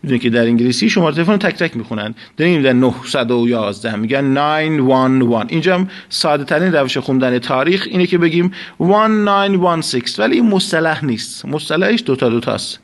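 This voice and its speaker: Man teaching English slowly. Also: a little high, lively intonation. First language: Persian. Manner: slow, deliberate reading of English phrases, then explains in Persian. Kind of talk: recorded class lesson.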